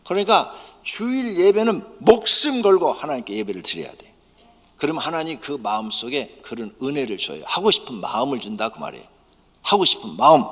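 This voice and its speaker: A man preaching a sermon as pastor, emphatic, dropping to soft low asides and rising to sudden loud bursts. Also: husky. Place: church sanctuary. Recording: church sanctuary with long reverb.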